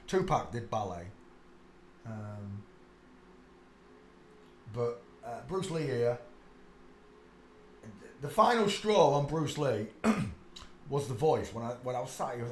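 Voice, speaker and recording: The medium-pitched voice belongs to a man hosting his channel, with a little hiss or hum audible. He works through pictures in a casual monologue that rambles insistently, full of asides and "uh"s, and the echoey room carries faint ambience.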